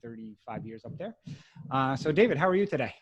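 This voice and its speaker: A man's voice: mid-range voice, animated, a little fast, slightly rough, no echo. Man, Boston accent, podcast host; chatty, rambling delivery, dry dull recording. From Massachusetts. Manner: chatty, rambling, many fillers. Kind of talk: casual interview.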